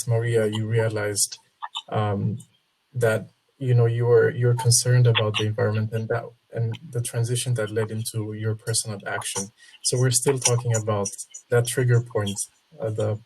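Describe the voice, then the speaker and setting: A man moderates a panel, pausing and rephrasing as he puts his question. His voice sits in a mid range, and clear noise runs under it. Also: medium pitch.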